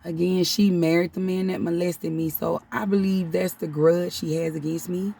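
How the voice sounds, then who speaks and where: Husky, flat-voiced woman close to tears. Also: fairly low pitch, moderate pace, distant mic. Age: 30s. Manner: casual and heartfelt, often addresses viewers as "y'all". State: holding back tears. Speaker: spiritual channel host. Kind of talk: personal confessional vlog.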